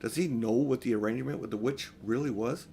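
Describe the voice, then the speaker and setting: A man's voice: mid-range voice, fairly quick, creaky, mellow, a little hiss or hum, lightly acted. An older man voicing an anxious, earnest young girl in a storybook, pleading and questioning. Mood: insistent, questioning.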